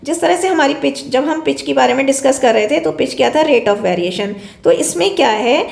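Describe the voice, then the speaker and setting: A woman's voice: high-pitched, expressive, moderate pace, creaky, darkish tone, roomy sound. A woman teacher with an Indian accent, giving a recorded online lecture in Hindi mixed with English terms, repeating points and asking herself questions.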